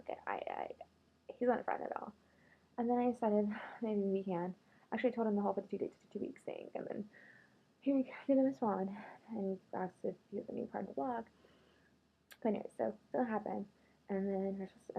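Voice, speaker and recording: A woman vlogger casually telling a dating story, chatty and full of fillers, quoting others in a higher voice. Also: gravelly, slightly rough. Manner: chatty, filler-heavy, quotes others in raised voice. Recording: tinny phone-like lo-fi audio.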